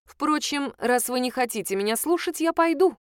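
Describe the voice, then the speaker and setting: A woman reader voicing a shrewd middle-aged female sleuth, who talks in a low, hushed and persuasive way. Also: expressive, moderate pace, clear, resonant tone, no room sound, studio quality. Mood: conspiratorial.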